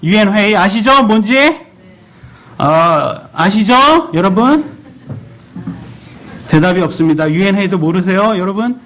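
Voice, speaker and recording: A man's voice: sits high, measured pace, pauses often. A man in his thirties preaching a sermon in church, asking the congregation questions as he goes. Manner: animated, asks the congregation questions.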